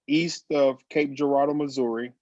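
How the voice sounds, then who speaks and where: Guest designer, forties, slight lisp, relaxed storytelling over a muffled call. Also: male voice, medium pitch, normal speed, dry recording. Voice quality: slight lisp from dental aligners. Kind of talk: casual interview over video call. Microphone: video call. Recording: dull video call audio.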